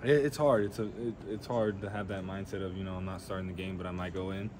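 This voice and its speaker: A low-pitched young man speaks flatly and at a quick pace as he answers postgame questions from reporters. He is a college quarterback, plain-spoken and heavy on fillers, standing in a noisy weight room before handheld reporter mics.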